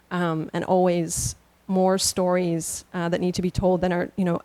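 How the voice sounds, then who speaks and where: Soft-spoken woman, flat and low. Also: no echo. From Canada. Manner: thoughtful, soft-spoken, halting. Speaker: author on a panel. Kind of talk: panel answer at a book reading.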